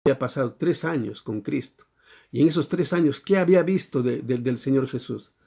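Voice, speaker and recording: A man's voice: mid-range voice, a little fast, vocal fry, mellow, breathy edge. A male pastor with a Chilean accent preaching a church sermon, teaching and often asking his listeners questions. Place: church service during quarantine.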